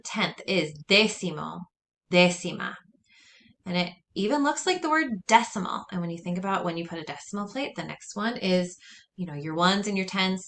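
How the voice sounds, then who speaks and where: A woman teacher giving a recorded lesson, drilling words slowly and carefully and repeating them for her students. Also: on the low side, fairly bright tone, slight background noise. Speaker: Spanish teacher.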